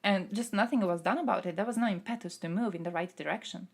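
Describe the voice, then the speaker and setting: A woman's voice: medium pitch, fast, creaky, a little mellow. A young woman from Croatia who streams and answers chat, talking through politics in a casual way, thinking aloud with fillers.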